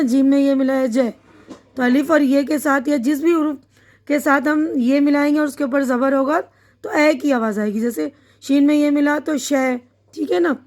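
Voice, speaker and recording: A woman teacher giving an online reading lesson for young children, with an Indian Urdu accent, speaking patiently and clearly and often checking in with the listener. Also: sits high, a little mellow. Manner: patient, slow and clear, with frequent "theek hai na" check-ins.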